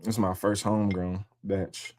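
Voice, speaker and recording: Man, casual livestream host, profane, animated, jumps up into mocking squeals. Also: fairly low pitch, unhurried. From born in upstate New York, raised in the DC area. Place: home in Columbus, Ohio.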